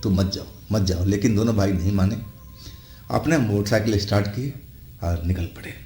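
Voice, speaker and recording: A man narrating a horror story in an unhurried, conversational way, with fillers. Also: on the low side, warm tone. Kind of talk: storytelling narration with acted quotes. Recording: echoey room with faint music.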